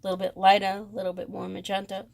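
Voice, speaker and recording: A woman with a Boston accent, talking slowly through a tarot deck comparison with many pauses and fond praise. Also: medium pitch, monotone, gravelly, darkish tone. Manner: slow, hesitant, lots of ums, gushing. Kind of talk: casual deck walkthrough.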